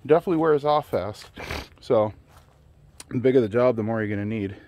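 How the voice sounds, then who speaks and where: A man's voice: medium pitch, brisk, a little mellow, muffled recording, a little hiss or hum. Man working on his truck while vlogging, a bit winded, loose, chatty delivery. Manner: casual, rambling, with fillers and laughs. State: out of breath. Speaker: DIY car vlogger. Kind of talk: casual garage vlog.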